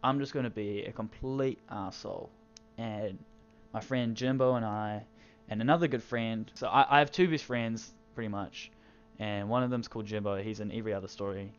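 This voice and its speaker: A man's voice: on the low side, clear, resonant tone. A teenage man casually telling a crude, rambling story, swearing constantly. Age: teens. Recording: dull lo-fi recording with faint music.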